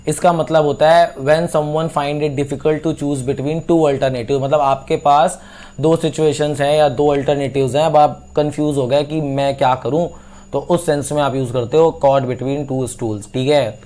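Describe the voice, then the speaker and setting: A young man teaching English idioms in a casual online coaching lesson, chatting with viewers and slowing down to read example sentences. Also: medium pitch, a little mellow. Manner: chatty, addresses viewers as bhai sahab, slow when reading English examples.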